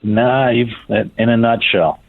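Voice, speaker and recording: A man's voice: medium pitch, steady tone, takes it slowly, vocal fry. A man heard over a phone line on speakerphone, calling in to a radio show and stumbling over his words. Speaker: caller.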